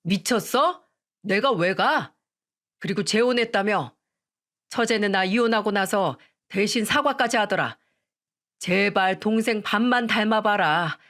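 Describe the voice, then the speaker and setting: A woman's voice: mid-range voice, a little slow, a bit bright, lightly acted. A woman voicing a bitter divorced man who scolds his ex-wife with contempt, in a read-aloud radio story. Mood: scornful, scolding. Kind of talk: storytelling radio drama reading.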